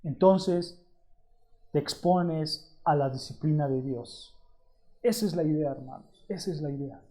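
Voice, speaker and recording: Slow, mellow-voiced man preaching. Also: on the high side. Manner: addresses listeners as brothers, reads scripture aloud; measured, emphatic preaching. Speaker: pastor. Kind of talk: sermon.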